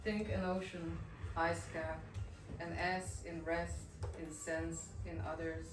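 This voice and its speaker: A Bosnian woman poet, whose first language is Bosnian-Croatian-Montenegrin-Serbian, reads her poems aloud in something other than English, with a fairly low pitch. She introduces each one softly, pausing and using fillers between poems. The café reading venue is roomy and echoey, with her voice distant and background noise present.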